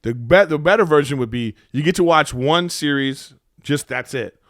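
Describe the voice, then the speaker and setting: A man co-hosting a podcast in casual conversation, telling things in an animated way and acting out imagined reactions. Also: fairly high pitch, normal speed, no echo, studio quality. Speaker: podcast co-host.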